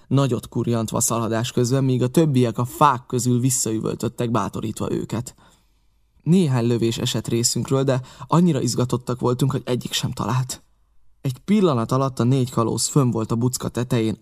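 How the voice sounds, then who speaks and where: A man reading an adventure novel aloud as steady, scripted narration. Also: mid-range voice. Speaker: audiobook reader.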